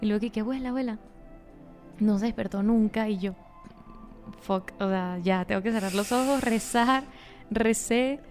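A woman's voice: mid-range voice, steady tone, moderate pace, darkish tone, soft background music. A young woman, co-hosting a podcast and telling a ghost story in casual chat, acting out the lines she quotes. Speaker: podcast co-host.

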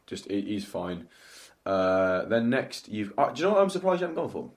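A man's voice: on the low side, big pitch swings, moderate pace. A man in casual, jokey conversation, swearing freely and cutting in on his guest. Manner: jokey, swears casually, talks over the other. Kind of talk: casual chat.

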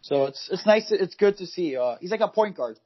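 Guy chatting footy on a podcast, kinda high voice, dull lo-fi sound, lots of uhs. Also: animated, brisk, slightly rough. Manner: rambling, many fillers and restarts. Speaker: podcast co-host, football fan. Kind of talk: casual chat.

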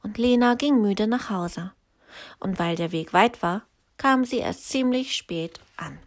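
A woman reads a children's story aloud in an unhurried, steady way, in a voice of middling pitch. Her telling is calm and measured, as if leaving time for young listeners to follow along. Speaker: teacher.

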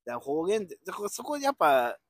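Fast, lively man chatting casually. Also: high-pitched, no echo, clean studio sound. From Hiroshima, Japan. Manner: rambling, fast, with many fillers and laughs. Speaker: podcast co-host. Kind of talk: casual chat.

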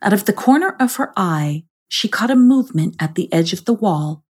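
A woman narrating a children's storybook in a slow, gentle reading voice. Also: mid-range voice, expressive, slightly rough.

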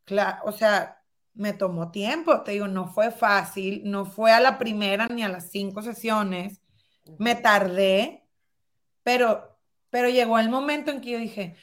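A woman in her thirties telling a personal story as a guest in conversation, lively and acting out past dialogue. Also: mid-range voice, a little slow. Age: 30s.

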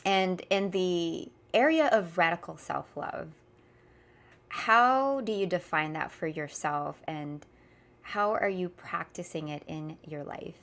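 Female podcast host, slightly low pitch, effusive, emphatic welcomes and interview questions. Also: slow, a bit bright.

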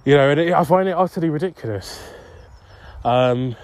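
A man's voice: a little high, normal speed, a little mellow, no echo. Young man, casual podcast host recorded outdoors on a walk, meandering and self-mocking. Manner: rambling, self-deprecating, easily distracted. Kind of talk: casual solo podcast monologue while walking. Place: outdoors on a street.

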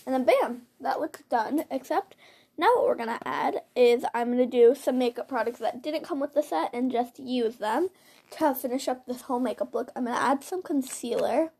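A woman's voice: high-pitched, moderate pace, warm tone, slightly rough. A woman giving a casual, chatty step-by-step makeup tutorial, recorded on a plain laptop-style mic without a studio microphone. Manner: chatty, informal, step-by-step narration while doing makeup. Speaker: host of a makeup tutorial show. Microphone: built-in device mic rather than usual microphone.

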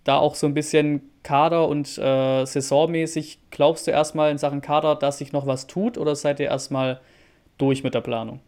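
A man hosting a football chat in an even, level voice with little rise and fall. He keeps it conversational and puts questions to his guest. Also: on the high side, moderate pace, smooth. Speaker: host. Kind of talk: casual football talk.

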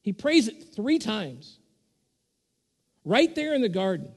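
A man's voice: very animated, takes it slowly, husky. A man preaching an earnest sermon as pastor, building in force on repeated points. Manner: earnest, swells louder and higher on repeated points. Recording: long reverb of a church hall.

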